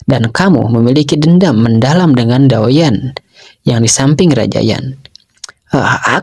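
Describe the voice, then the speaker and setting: A man's voice: mid-range voice, darkish tone, husky. A man voicing a joking lazy young lord. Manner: teasing, exclaiming. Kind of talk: storytelling recap.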